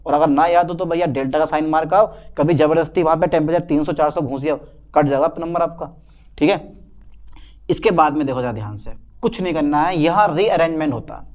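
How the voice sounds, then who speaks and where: A man's voice: high-pitched, a little mellow. A man teaching a chemistry lesson in a casual, chatty way, repeating phrases and calling his students beta and bhai. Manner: dictates slowly, repeating phrases. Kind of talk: casual Hindi lecture.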